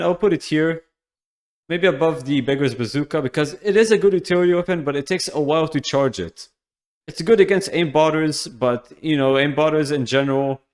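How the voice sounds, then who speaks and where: A man talks through his game picks in a loose, offhand way, tripping over his words and circling back to restart sentences. His voice sits a little on the high side. It has the easy, unscripted flow of a gaming video commentary. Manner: loose and rambling, frequent restarts and fillers. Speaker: gaming YouTuber.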